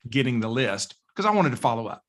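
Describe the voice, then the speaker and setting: A man co-hosting a podcast, telling a workplace story in a casual, animated way. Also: mid-range voice, quick pace. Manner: animated, acts out quoted people in a raised voice. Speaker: podcast co-host.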